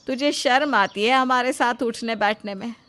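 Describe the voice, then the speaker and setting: A woman voicing a scolding, sharp-tongued older mother-in-law in an animated story. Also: fairly high pitch, moderate pace, close to an everyday voice. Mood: bitter. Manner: scolding, rustic speech.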